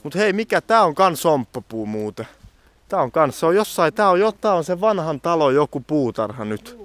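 A young vlogger films his walk through a forest, giving casual outdoor commentary and joking like a mock-dramatic nature guide. His voice is fairly high and fairly bright, very animated, in a dry recording.

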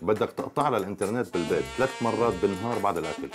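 An actor with a Lebanese accent playing a calm, deadpan male doctor in a comedy sketch, speaking in short, halting bits. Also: lowish voice, close to an everyday voice. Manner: calm, deadpan and halting, says wait a lot. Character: deadpan male doctor prescribing absurd cures. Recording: music playing under the dialogue.

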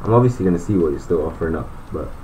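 A man talks through a video game in a loose, joking way, thinking out loud. His voice sits fairly low. Faint noise runs in the background. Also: expressive, rapid-fire, poor audio. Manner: chatty, joking, thinks aloud. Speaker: gaming YouTuber. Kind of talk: casual gameplay commentary.

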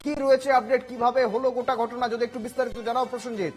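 A male news anchor with a fairly high voice reads the headlines in a brisk, formal newsreader manner. Soft music runs quietly underneath him in the studio. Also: flat delivery, in a large hall. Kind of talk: scripted news reading.

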